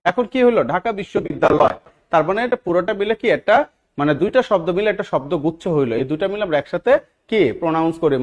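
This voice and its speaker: A man teaching English grammar in a live online class, often asking his students questions and repeating key words. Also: high-pitched. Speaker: English teacher for job exams.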